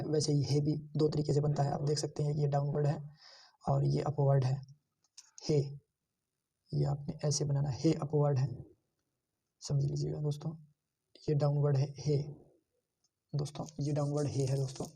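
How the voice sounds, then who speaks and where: Slow, husky-voiced man teaching shorthand. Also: a little high, completely flat delivery, warm tone, distant mic. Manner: slow, explanatory, repeats each sound. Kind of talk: screen-share lesson.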